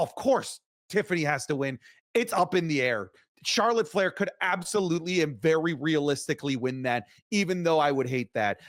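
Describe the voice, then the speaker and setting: High-pitched man debating wrestling, dry sound. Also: dry recording. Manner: emphatic, opinionated. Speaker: wrestling talk show co-host. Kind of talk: casual wrestling commentary and discussion.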